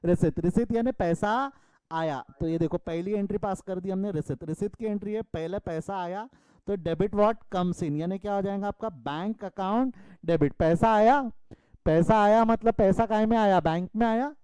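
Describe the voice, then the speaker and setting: A man's voice: sits high, moderate pace, warm tone, clear, resonant tone, dry recording, poor audio. A male commerce teacher from India giving an online class lecture over a video call, calling students "beta" and scolding them playfully.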